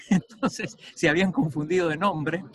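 A man's voice: sits high, a little slow, breathy edge. A man interviewing an athlete, telling a story in a chatty way with many fillers.

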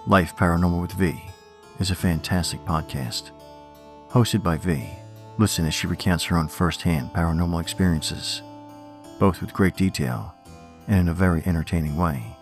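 A man hosting a horror podcast, reading scripted stories and poems in a measured, theatrical manner. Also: low-pitched, soft background music.

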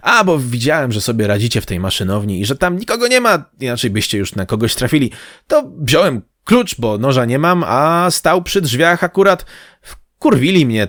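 A man puts on a rambling, excitable mechanic for an audiobook. The voice sits higher than his own and drawls slowly. The sound is dry and close. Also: no echo.

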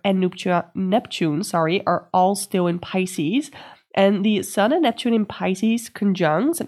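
A woman hosting a tarot and astrology podcast, sounding nasal and stuffed up from a cold, explaining in a gentle, earnest way with some ums. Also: mid-range voice. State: sick with a stuffy nose. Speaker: podcast host and tarot reader. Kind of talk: casual podcast guidance talk.

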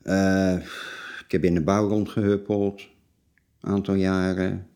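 A man of forty-seven, answering personal interview questions in a halting, blunt, plain-spoken way. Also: low voice, flat delivery, dark tone. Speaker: interview guest telling his life story.

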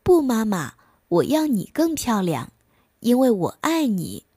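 A woman's voice: fairly high pitch, very animated, measured pace, dark tone, breathy edge, no room sound, clean studio sound, full character voice. A woman voicing a devoted little rooster chick in a bedtime story, earnest and affectionate.

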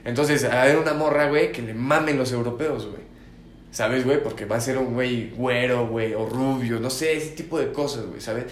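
A man's voice: medium pitch, fairly even intonation, a little fast. A young man from Mexico with a Mexican accent, chatting casually and dropping slang in nearly every phrase. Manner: slangy, says "güey" constantly. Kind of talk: casual chat. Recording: echoey room, faint ambient noise.

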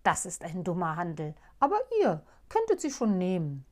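A woman voicing an impulsive young caliph turned into a stork, breaking into eager, excited exclamations in a fairy tale reading. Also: on the low side, normal speed. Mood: pondering.

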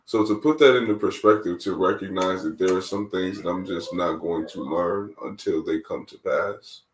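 A man in his twenties, a wellness coach guest, speaking in a measured, reflective way and repeating key phrases for emphasis. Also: low voice. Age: 20s. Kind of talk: reflective interview talk. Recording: roomy sound, distant from the mic.

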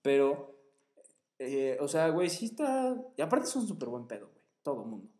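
A man's voice: mid-range voice, huge pitch swings, normal speed, darkish tone, roomy sound. A young man with a Mexican Spanish accent co-hosting a casual chat, full of crude slang and constant "güey". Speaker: podcast co-host.

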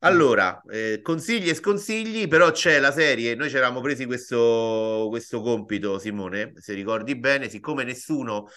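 A man with an Italian accent co-hosting a podcast, adding brisk, informative asides with fillers in a casual chat. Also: mid-range voice, pushed and bright. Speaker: podcast co-host.

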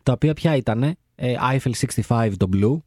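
A man co-hosting a radio talk show in a studio, chatting casually and telling stories in an animated, slangy way. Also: medium pitch, no echo. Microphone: studio microphone.

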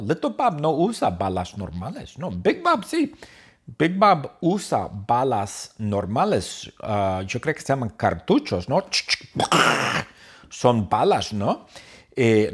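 A man telling a silly story in slow, simple, repetitive phrases, with sound effects and exclamations. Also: mid-range voice, breathy edge. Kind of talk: comic storytelling for learners.

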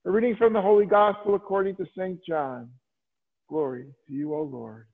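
A fairly high-voiced man leads Mass, reciting prayers and scripture in a slow, solemn cadence. The sound is thin and tinny like a radio broadcast, with a long church reverb trailing each phrase. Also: steady tone, breathy edge. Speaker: priest leading Mass. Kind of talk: liturgical prayers and scripture reading.

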